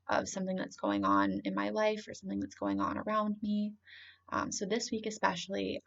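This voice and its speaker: A woman calmly explaining and guiding a grounding exercise in an informal, conversational way. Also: medium pitch, gravelly, muffled recording. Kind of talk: informal spoken lesson, calm grounding exercise.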